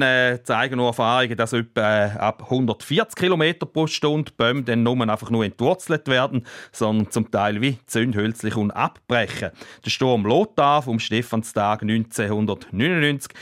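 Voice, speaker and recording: A meteorologist with a Swiss accent explains wind during a radio interview, calmly and patiently, often pausing with hesitations. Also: male voice, medium pitch. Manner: calm, explanatory, with frequent hesitations.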